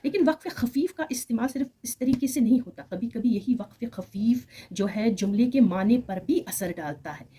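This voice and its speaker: A woman's voice: on the high side, lively intonation, moderate pace, dark tone, slight background noise. A woman teaching Urdu grammar with an Urdu accent, explaining patiently and speaking examples aloud. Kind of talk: recorded grammar lesson.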